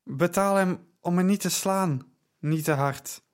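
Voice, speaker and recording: A man voicing a calm, dignified, cheerful father who speaks reassuringly, in an audiobook. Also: sits high, takes it slowly, voice pushed up.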